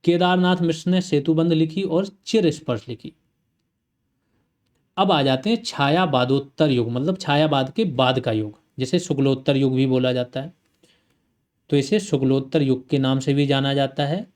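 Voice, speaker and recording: A man's voice: mid-range voice, normal speed, a little mellow. A male teacher giving an online exam-prep lecture, reeling off lists of titles and lifting his voice on questions to the class.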